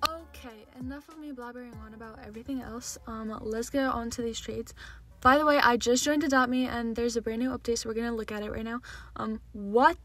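A seventeen-year-old young woman with a slight lisp, chatting excitedly and rambling as she commentates a game. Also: a little high. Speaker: gaming video host. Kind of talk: casual chatty gameplay commentary. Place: under bed covers in a bedroom. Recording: background music under voice. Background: music.

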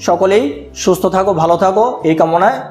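A man teaching young children an online lesson. He talks slowly and patiently and repeats each sound for the children to copy. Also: high-pitched, darkish tone, echoey room, faint music behind.

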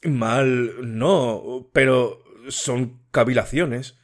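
A man's voice: medium pitch, extremely slow. A man reading a curt, evasive young suitor. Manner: curt, dismissive. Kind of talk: audiobook character reading.

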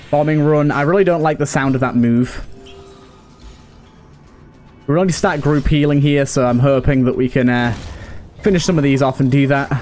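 A man with a mid-range, slightly mellow voice hosts a casual let's play, chatting to himself and to the characters on screen.

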